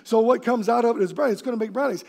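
A male pastor delivers a sermon in a church, his voice pitched high with a gravelly rasp. He preaches in an animated way, acting out the quoted voices and now and then shouting to drive a point home. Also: very fast. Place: church sanctuary.

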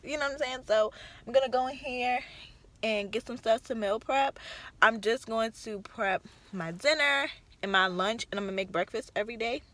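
A woman's voice: on the high side, moderate pace, fairly bright tone. Chatty young woman vlogging from her phone. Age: 20s. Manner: chatty, repeats "really, really good". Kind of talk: casual vlog chat. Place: car, then home kitchen.

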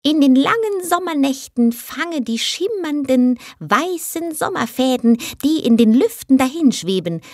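A woman's voice: high-pitched, no echo, studio quality, pitched above the performer's own voice, exaggerated voice. A woman voicing a tiny, wrinkled male heath spirit who is proud and spiteful, speaking in grim, commanding pronouncements in a storybook reading.

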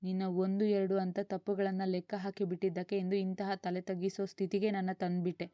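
Stern scolding mother, read by a woman, flat low delivery, dull audio. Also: smooth, no room sound, natural voice. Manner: scolding, commanding. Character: stern angry mother, middle-aged.

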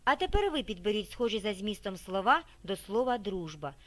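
A woman narrating a scripted library video, reading in a measured, expressive way with careful pauses between listed words. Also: medium pitch.

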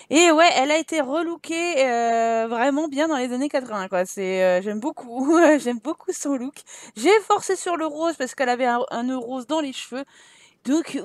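A woman with a high voice chatters through a life-simulation game, teasing and scolding the characters on screen. Her voice is dry and close, with no room sound around it. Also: no echo. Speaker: gaming YouTuber. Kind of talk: casual let's-play commentary.

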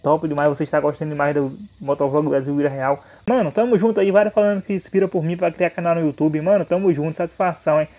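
A man's voice: fairly high pitch, steady tone, quick pace, hardly any pauses, warm tone. A young man with a Brazilian accent hosting a motorcycle vlog, talking in a hyped, slangy way and tagging his sentences with little filler words. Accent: Brazilian Portuguese. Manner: hyped, slangy, repeats tag words like "né" and "hein". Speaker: motovlog host. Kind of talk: excited vlog commentary.

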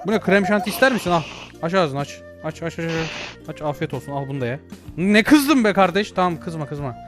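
A young man playing a VR game on his channel, talking to the characters in loud, excitable commentary, often shouting and swearing at them. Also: high-pitched, fast, faint music behind. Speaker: gaming YouTuber. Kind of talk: excited let's-play commentary.

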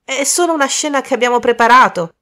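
An eager young prankster, as a woman narrator plays him, raised well above her own pitch. He talks loudly and excitably. His lines come across flustered and apologetic. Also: fast talker. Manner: high, loud and excitable.

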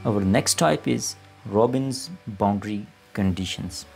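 A man reading a scripted maths lesson as lecturer, in deliberate short phrases as if dictating. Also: lowish voice, gravelly, a little mellow, faint music behind.

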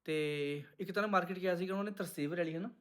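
Male vlogger, Punjabi accent, higher-pitched voice, rapid chatty delivery to camera. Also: fairly bright tone, no room sound, studio quality. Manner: chatty, addresses viewers as friends. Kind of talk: casual vlog narration to viewers.

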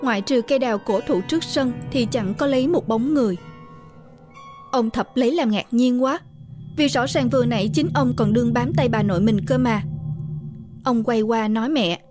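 A woman reading a horror story aloud in a steady, measured narration. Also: on the high side, over music.

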